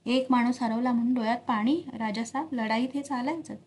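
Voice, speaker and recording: A seasoned old general speaks smoothly, coaxing and a little patronizing, as a woman narrator reads his part. The voice is slightly high. It stays close to a plain reading voice. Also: steady tone, a little fast, a little mellow, natural voice. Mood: dismissive.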